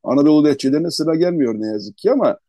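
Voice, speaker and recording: A man hosts a radio interview in a mellow, darker voice. He speaks unhurriedly, often pausing to search for words. The sound is close and dry, with no room around it. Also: a little high, animated, no room sound. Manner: unhurried, hesitant, lists places one by one. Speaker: radio show host.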